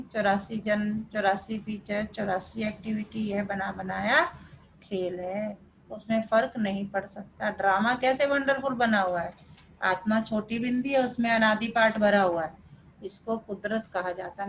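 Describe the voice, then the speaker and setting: Over a video call, a woman teaches a spiritual class, patiently explaining a scripture reading with everyday examples and code-switching into English words. Her mid-range voice is creaky, and the rough recording carries slight background noise.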